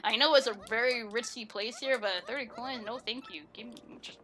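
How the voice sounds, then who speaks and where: Giggly, bright-voiced woman gamer. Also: a little high, a little fast, slight background noise. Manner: giggly, chatty, lots of fillers. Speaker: let's play gamer. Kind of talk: casual gameplay commentary.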